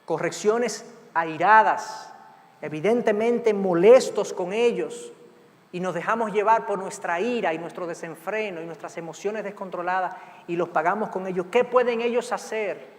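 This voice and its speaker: A middle-aged male pastor preaching to a congregation with a high, bright voice. He talks in an animated way and slips into quick voices of parents and children. His words ring out with a long reverb from a large church hall. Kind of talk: sermon on parenting.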